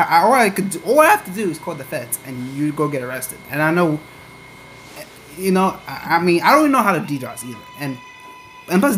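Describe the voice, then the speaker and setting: Young person doing a rambly emphatic rant, repeats themselves, some train noise behind, medium pitch. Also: fairly bright tone. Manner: halting, repetitive, emphatic. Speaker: podcaster, online content creator. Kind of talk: casual rambling rant, podcast-like. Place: on board a train. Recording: noisy train ambience behind the voice.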